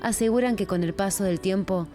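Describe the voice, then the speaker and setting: A woman's voice: mid-range voice, brisk, music in the background. A woman narrating a news report in a solemn, declarative scripted voice.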